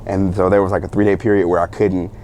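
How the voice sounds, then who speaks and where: Deep-voiced young man telling a story. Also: fast, a little hiss or hum. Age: young adult. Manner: animated, laughing retelling with many fillers. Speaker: guest. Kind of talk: casual storytelling interview.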